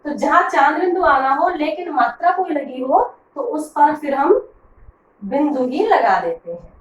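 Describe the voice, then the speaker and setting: A woman's voice: sits high, animated, a little slow, roomy sound, recorded from a distance, rough recording. A woman teacher explaining grammar to pupils, patiently asking questions and answering them herself. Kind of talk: classroom grammar lesson.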